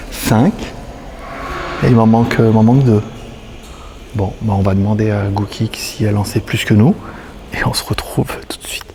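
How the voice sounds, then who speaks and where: Here a lowish-voiced man chats his way around an exhibition in relaxed vlog commentary, full of laughs and filler words. The background is noisy, and the audio comes from a stabilized handheld camera.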